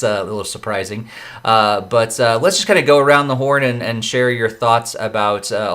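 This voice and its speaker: Low-voiced man hosting a podcast. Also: a bit bright. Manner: rattles off news items with frequent uh fillers. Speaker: podcast host. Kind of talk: casual podcast chat.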